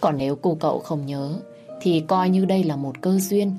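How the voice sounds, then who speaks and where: Low, mellow woman narrating a story. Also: normal speed, faint music behind.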